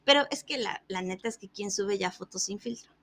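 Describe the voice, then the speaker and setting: A woman in her thirties with a brisk, mid-range voice tells a funny story in casual conversation. She animatedly acts out the other person's lines and laughs often.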